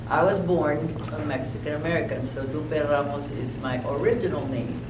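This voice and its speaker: A woman in her sixties, from Texas, speaks as a longtime educator in a deliberate, measured way. Her voice comes from far off in an echoey hall. Room noise sits clearly beneath it. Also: sits low, fairly even intonation. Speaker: retired educator, panelist.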